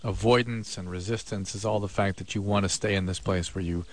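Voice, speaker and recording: A man co-hosting a radio call-in show, calmly giving callers advice. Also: low voice, a little fast. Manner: calm, advising. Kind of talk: casual radio talk.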